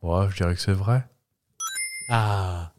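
A man co-hosting a casual podcast chat, guessing at trivia answers and tossing in quick jokes and quips. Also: sits low, a little mellow. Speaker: podcast co-host.

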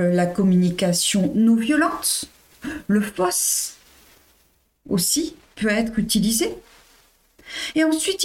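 Woman podcaster giving calm self-help tips, middle pitch, steady and measured, talks right to you. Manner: calm, measured, addresses listener directly. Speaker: podcast host. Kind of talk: explanatory self-help talk.

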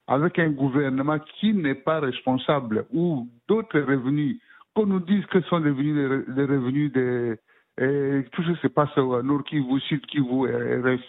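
A man leaving an answering machine message for a radio show, talking haltingly and repeating words as he searches for them. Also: medium pitch. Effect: voicemail message played on air. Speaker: radio listener caller. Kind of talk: spoken opinion message. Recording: tinny phone-line voicemail.

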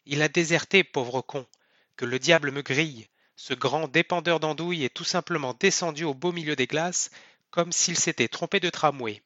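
A man's voice: a little high, moderate pace, sharp tone, no echo, lo-fi sound. A man voicing an old, burly sea captain who curses and bellows in fury, from an audiobook reading. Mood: outraged. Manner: bellowing, cursing.

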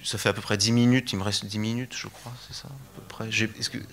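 A man's voice: fairly low pitch, fairly even intonation, quick pace, gravelly, fairly bright tone. A man giving a lecture talk, hesitant, with many fillers and restarts. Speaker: conference speaker.

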